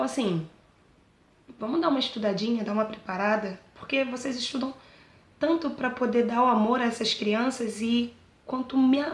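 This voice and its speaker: A Brazilian woman speaks casually and earnestly about her own experience. She keeps checking that the listener is following and pleads warmly with teachers. Her mid-pitched voice rings out in a roomy, echoing space. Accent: Brazilian Portuguese. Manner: chatty, keeps asking "entendeu?". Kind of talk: casual personal talk to camera.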